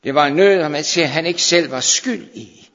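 A man preaching a fervent sermon to his congregation, sometimes dropping to hushed intensity. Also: a little high. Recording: dull sound in a long-reverb hall.

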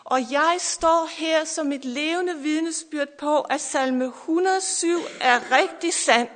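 Fervent high-voiced woman preaching in reverb. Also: a bit bright. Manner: fervent, repeated hallelujahs, voice breaking into tears at times. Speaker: preacher giving testimony. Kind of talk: emotional Pentecostal sermon. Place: church or camp meeting hall. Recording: long hall reverb.

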